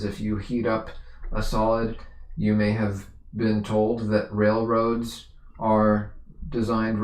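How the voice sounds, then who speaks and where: A man's voice: on the low side, echoey room. A man tutoring physics on a live stream, explaining patiently, repeating himself and correcting his own slips as he goes.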